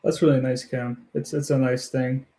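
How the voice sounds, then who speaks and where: A man's voice: medium pitch, flat delivery, normal speed, mellow, slight background noise. A man from Ukraine hosting a casual livestream, chatting with viewers and laughing often as he builds. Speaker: livestream host. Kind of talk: casual chat with live viewers.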